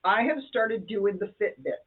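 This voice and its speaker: A woman's voice: medium pitch, normal speed, slightly rough. An older woman co-hosting a casual chat show, chatty and self-deprecating with playful jokes. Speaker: co-host. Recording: tinny phone-like sound.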